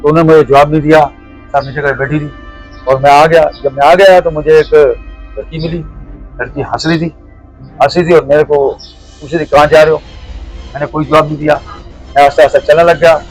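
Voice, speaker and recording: A middle-aged man from Pakistan telling a personal ghost story as an interview guest, halting and repetitive, often restarting his phrases. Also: on the high side, little pitch movement, faint music behind, low-quality recording.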